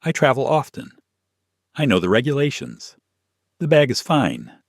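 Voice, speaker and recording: Dignified male doctor, read by a man, calm, firm, slightly raised pitch. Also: moderate pace, no room sound, clean studio sound.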